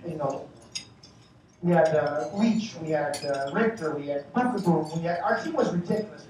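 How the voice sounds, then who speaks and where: Male emcee, 40s, mid-pitched, animated joke-teller; distant mic in a very echoey banquet hall, faint dish clatter. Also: a little hiss or hum. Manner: animated, joking anecdotes with acted-out shouting. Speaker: master of ceremonies. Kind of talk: after-dinner storytelling speech.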